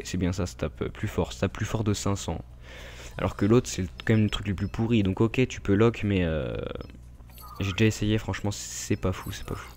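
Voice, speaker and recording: A French-accented man chats loosely over his gameplay, stopping and restarting his sentences and talking straight to his viewers. His voice sits a little low for a man. The talk stays relaxed and unscripted throughout. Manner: rambling, filler-heavy, addresses viewers directly. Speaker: gaming YouTuber. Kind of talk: casual gameplay commentary.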